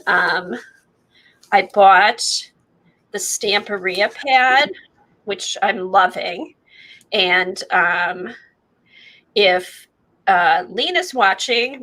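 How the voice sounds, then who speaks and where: This art livestream host has a mid-range, sharp-toned voice, and the audio quality is poor. Still sounding like she just woke up, she rambles through casual chat full of fillers while displaying her crafts.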